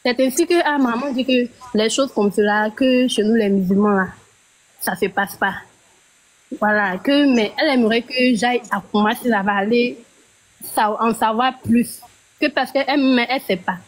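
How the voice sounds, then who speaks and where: Fairly high-voiced woman caller. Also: normal speed, rough recording. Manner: hesitant, repeats and restarts phrases. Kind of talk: phone-in storytelling.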